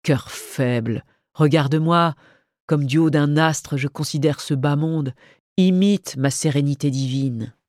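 A reader voicing a haughty male Chartreux cat who talks slowly and with lordly disdain, in a storybook reading. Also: mid-range voice, a little mellow, no room sound, studio quality, natural voice. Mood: lofty.

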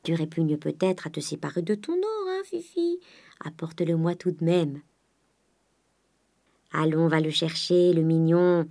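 A woman's voice: low-pitched, lively intonation, a little slow, long pauses, warm tone. A woman voicing a greedy, domineering old miser who alternately coaxes and blusters at his daughter. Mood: wheedling. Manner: wheedling then blustering.

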